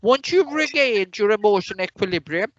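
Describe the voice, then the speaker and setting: A woman's voice: medium pitch, lively intonation, moderate pace, no echo. A middle-aged woman, tutoring a class as she reads from lecture notes and then adds loose, chatty asides with plenty of fillers. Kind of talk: online lecture reading from notes. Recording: dull dry lo-fi recording.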